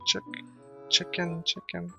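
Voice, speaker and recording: A man hosting a let's play, coaching himself in repeated murmured words, then bursting into yells and curses. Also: fast talker, music in the background. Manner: sudden yelling and cursing outbursts. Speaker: gaming channel host.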